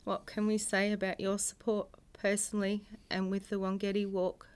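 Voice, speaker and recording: A middle-aged woman, a bereaved mother reading a prepared personal statement in a solemn, measured way, in grief. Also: mid-range voice, monotone, smooth. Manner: solemn, measured delivery in short phrases. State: grieving.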